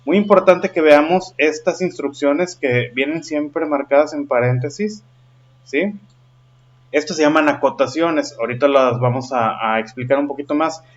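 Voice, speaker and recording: This man explains a lesson patiently, frequently stopping to ask his listeners questions. He has a fairly high pitch and speaks at a normal speed, and the recording is slightly dull.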